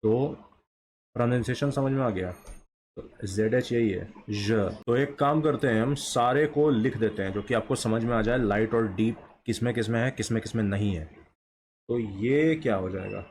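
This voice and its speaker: Speaking slowly in a medium-pitched, slightly mellow voice, this man draws while teaching shorthand, asking himself questions and then answering them. A faint hiss or hum sits under the audio.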